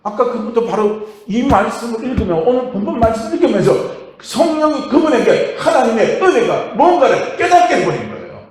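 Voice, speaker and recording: Korean pastor, male, higher voice, lively sermon delivery, strong church echo. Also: fairly quick, few pauses. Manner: animated preaching, swings from quiet to loud outbursts. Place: church sanctuary. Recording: echoey church hall.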